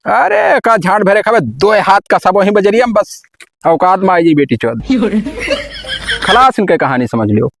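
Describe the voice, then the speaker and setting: A man's voice: sits high, very animated, moderate pace, vocal fry, fairly bright tone, full character voice. A man with an Awadhi accent playing a village drunk who boasts and blusters as a hired killer in an amateur comedy sketch. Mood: scornful.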